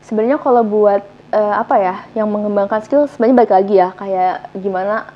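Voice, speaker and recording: A woman's voice: mid-range voice, brisk. A young woman chatting as a guest, easygoing and full of fillers, with muffled sound. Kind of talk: casual chat. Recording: dull muffled sound, faint hum.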